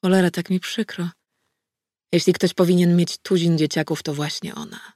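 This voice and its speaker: A woman narrating an audiobook in the first person, in a steady storytelling manner. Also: on the low side, moderate pace, dry recording, studio quality.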